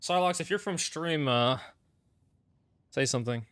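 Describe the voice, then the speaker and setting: A man's voice: on the high side, unhurried, a bit bright, dry recording. A man with a congested, stuffy nose giving casual live commentary while streaming a game.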